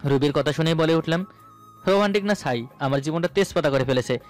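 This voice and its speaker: This is a man with a fairly high pitch and a quick pace, reading a scripted romantic story in the first person. He narrates romantic audio stories, and music plays behind his voice.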